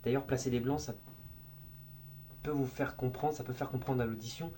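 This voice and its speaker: A man explaining public speaking tips in a casual explainer video, lively and informal, sometimes slipping into crude slang and demonstrating different tones as he goes. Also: medium pitch, normal speed, slight background noise.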